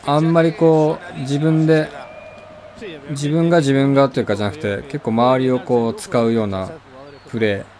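A young man giving casual, chatty commentary while playing a soccer video game, with sudden excited outbursts. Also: medium pitch. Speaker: gaming commentator. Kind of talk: casual let's-play commentary.

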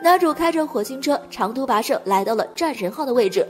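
A woman reading a scripted movie recap as narrator, talking fast in a continuous delivery. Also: high-pitched, expressive, faint music behind.

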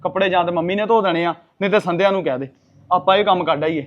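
Young husband played by a man, brisk and rushed, a bit high. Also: muffled recording, close to an everyday voice. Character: busy impatient young husband and son.

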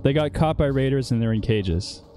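A man playing a video game and bantering casually, joking and laughing often, reacting loudly to the game. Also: medium pitch, lively intonation, moderate pace. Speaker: gaming streamer. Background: game music.

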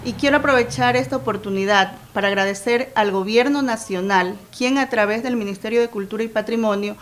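A woman's voice: on the high side, a little fast, slight background noise. A woman festival organizer answering an interview question in a formal, grateful manner.

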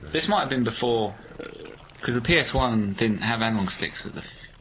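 A man's voice: mid-range voice, animated, fairly quick. A British man chatting casually as he hosts a gaming video. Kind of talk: casual chat over gameplay. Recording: clearly noisy, clicks, warm closed room.

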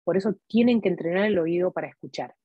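A woman's voice: lowish voice, fast talker, slightly rough, no room sound, dull audio. A woman tutoring for a language exam, explaining step by step and checking in with her listeners. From Argentina. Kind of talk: explanatory teaching talk to viewers.

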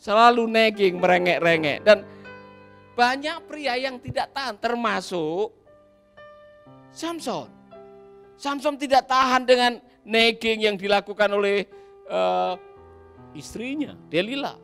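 A male pastor preaching a sermon, telling stories lively and acting out the voices in them, often asking the congregation "right?". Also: high voice, slow pace, vocal fry, long pauses, soft background music. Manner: lively storyteller, acts out quoted voices, asks "ya kan?".

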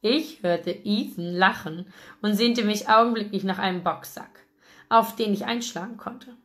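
A woman reading a novel aloud in a lively, expressive audiobook narration. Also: medium pitch, measured pace. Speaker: audiobook reader.

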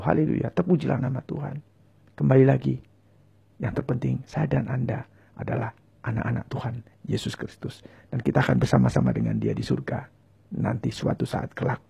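Gravelly, husky-voiced preacher man. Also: medium pitch, warm tone, dull audio. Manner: fervent, repetitive prayer lines for viewers to echo; speaks in tongues. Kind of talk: leading viewers in prayer.

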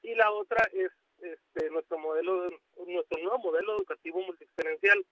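A Mexican man being interviewed by telephone, speaking haltingly with many restarts and fillers. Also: high-pitched, sharp tone, dry recording. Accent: Mexican Spanish. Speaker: university outreach coordinator, interview guest. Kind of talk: phone interview on radio. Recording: muffled dry phone line.

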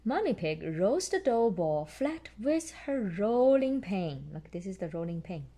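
Reading a children's bedtime story, this storyteller mom speaks at a mid-range pitch, unhurried but animated. Her explanations to the child are simple and patient.

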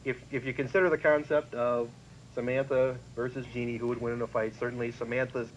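A man's voice: mid-range voice, flat delivery. Rambling man on lo-fi cable tape. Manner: rambling, halting with fillers and restarts. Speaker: co-host. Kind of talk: casual chat. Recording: dull lo-fi 1990s cable recording with faint hiss.

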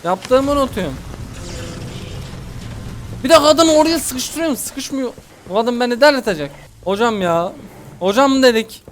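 A young man commentating a horror game let's play, panicky and exasperated, pleading and yelling at the monster chasing him. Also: extremely high pitch, animated, measured pace, pauses often, a little hiss or hum. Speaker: gaming YouTuber.

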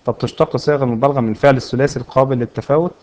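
Fast-talking Egyptian male grammar teacher. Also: medium pitch, fairly even intonation, a little mellow. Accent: Egyptian Arabic. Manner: explains step by step, asks and answers his own questions. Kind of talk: classroom grammar lesson. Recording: dull lo-fi recording.

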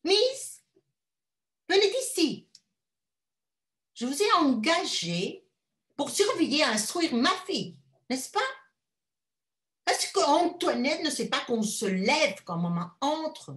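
Actress voicing a shrill, bossy rich mother. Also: sing-song, takes it slowly, long pauses, reverberant, exaggerated voice. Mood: scolding. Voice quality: loud, high-pitched, scolding. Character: shrill domineering wealthy mother, middle-aged woman.

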